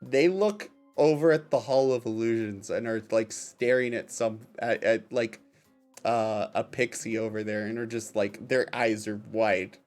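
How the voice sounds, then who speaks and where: A man narrating a tabletop game as game master, improvising in a halting way with repeated phrases. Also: lowish voice, steady tone, darkish tone, soft background music.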